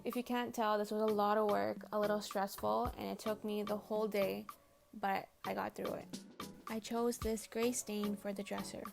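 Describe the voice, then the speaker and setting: A woman whose first language is Tamil narrates a home makeover video as a DIY vlogger, reading a scripted voice-over in a casual, chatty, self-deprecating way. Her voice is medium-pitched, gravelly and flat, at a normal speed. Faint music plays in the background.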